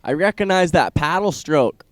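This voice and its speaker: A man's voice: fairly high pitch, animated, moderate pace, no echo. A man doing casual live sports commentary in a laid-back, chatty surfer style. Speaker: surf contest commentator.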